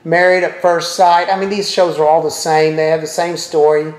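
A middle-aged man with a fairly high voice that barely moves in pitch talks at a moderate pace while showing viewers a TV streaming service. He thinks aloud and makes chatty asides as he clicks around, with a roomy echo.

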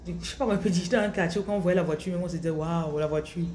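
A spiritual coach from Cameroon, in her thirties, talks to her followers in a fairly low, darkish voice with a Cameroonian French accent. Her pace is slow and contemplative and she often restarts; the phone she holds close at arm's length picks up a small tiled room and a touch of hiss or hum.

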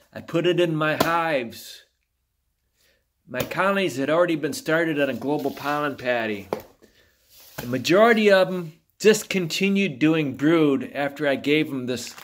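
A man records himself on a handheld phone in a garage while showing his beehives, talking casually and plainly and explaining as he works in a chatty, hands-on demonstration. His voice is a little high and a bit bright, with slight background noise.

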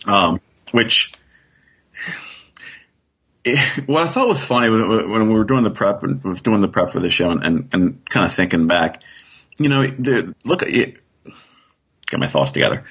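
As a podcast guest, a man chats casually, rambling and thinking aloud along the way. His lowish, husky voice is very animated and fairly bright, at normal speed but with long pauses, and the recording sounds dull, muffled, and lo-fi.

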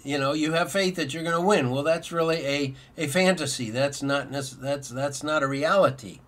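Fairly high in pitch with a fairly bright tone, a middle-aged man speaks at normal speed while giving a sermon as a pastor. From a desk in his bookshelf-lined office, he explains earnestly, asks rhetorical questions, and repeats his key points.

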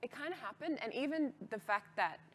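A woman's voice: high voice, lively intonation, fairly quick, a little hiss or hum. An Australian woman in her thirties from rural Australia, telling her career story in a casual interview, chatty and often laughing. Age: 30s. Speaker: guest, DJ and label founder.

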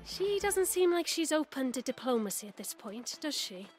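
A high-voiced, wry druid woman. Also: very animated, moderate pace, soft background music. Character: female druid, last of her order, wry and hopeful. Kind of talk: video game character dialogue.

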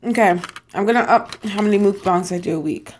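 A woman's voice: medium pitch, brisk, darkish tone, slight background noise. A young woman vlogging from home in a casual eat-with-me chat, bubbly and chatty, talking between bites while losing her voice. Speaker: mukbang vlogger.

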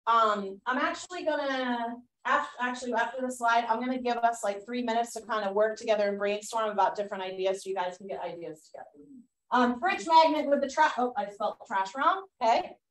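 A woman's voice: on the high side, a little fast. A woman with a Boston accent leading a real estate training class, chatty and loose with fillers and restarts. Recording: echoey room, mic far off.

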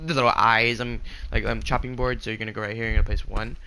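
Stammering young man with a gravelly voice. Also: fairly low pitch, little pitch movement, fast, sharp tone, slight background noise. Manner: stammering, repeats words, corrects himself often. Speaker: game tutorial host. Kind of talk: casual build tutorial narration.

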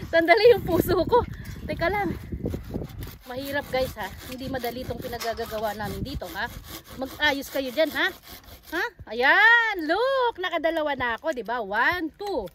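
High pitched filipina lady vlogging on a farm, out of breath and joking, lots of outdoor noise. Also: sing-song, moderate pace, bright, forceful tone. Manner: playful, joking, laughs often. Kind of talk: casual vlog narration while working.

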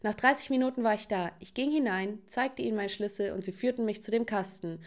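A woman's voice: mid-range voice, quick pace. Woman narrating a first-person storytime. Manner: first-person, addresses viewers.

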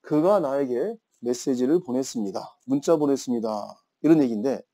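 A man's voice: medium pitch, lively intonation, a little fast, mellow. A man in his fifties teaching an English grammar class, telling playful stories and teasing his students. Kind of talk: classroom lecture with chatty anecdotes.

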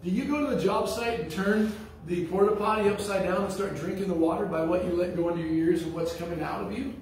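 A man's voice: high-pitched, quick pace, a little mellow. A man preaching a sermon as pastor, telling stories in a blunt, folksy way. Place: church sanctuary. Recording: echoey church hall from far off.

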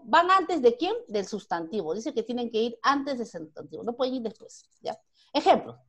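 A woman's voice: a little high, fairly bright tone. A Peruvian woman teaching a primary school grammar lesson online, who asks the class questions and then answers them herself. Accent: Peruvian Spanish.

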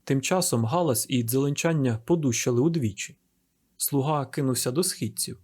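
A man's voice: mid-range voice, moderate pace, darkish tone, husky. A man narrating an audiobook of a classic novel with a vivid, dramatic reading. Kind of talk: scripted narration.

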